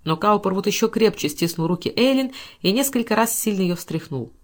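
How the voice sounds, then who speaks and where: Brief: female audiobook narrator, expressive, dramatic delivery of classic fiction. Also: medium pitch, fairly quick.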